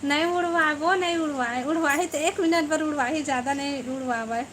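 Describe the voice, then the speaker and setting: A woman's voice: high voice, normal speed, a bit bright, slight background noise. A woman with a Chhattisgarhi accent hosting a casual live stream, teasing and bantering with viewers by name.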